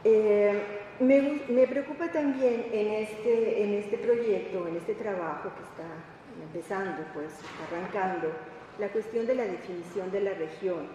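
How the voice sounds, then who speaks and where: In an echoey conference hall, captured by a distant mic with faint noise and the highs cut off, a woman academic with a Mexican Spanish accent delivers a semi-improvised panel talk. Her voice is warm and medium-pitched, and her delivery is reflective and halting, full of searching pauses and tag questions.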